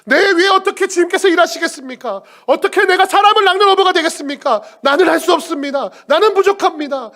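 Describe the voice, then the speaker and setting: A pastor playing a remorseful grown disciple who pleads and reproaches himself after failing. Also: male voice, very high-pitched, animated, a little fast, a bit bright, voice pushed up. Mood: anguished pleading. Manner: pleading, self-reproaching confession. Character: remorseful grown man disciple, broken by failure.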